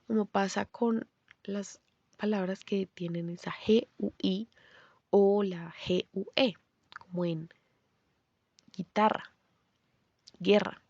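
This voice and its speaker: A woman giving a scripted pronunciation lesson, explaining clearly and saying example words slowly. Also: medium pitch, steady tone, a little mellow, no room sound, highs cut off. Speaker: language teacher.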